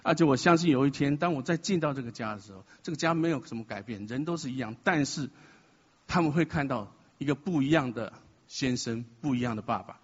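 A man's voice: medium pitch, a little fast, breathy edge. A man sharing an emotional, confessional testimony at a church gathering, mixing self-mocking humor into his story. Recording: dull sound in a reverberant hall.

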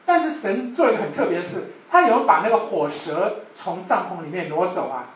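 A woman preacher delivering a sermon, animated and full of rhetorical questions to the audience. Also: on the low side, brisk. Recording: echoey room, voice from far off.

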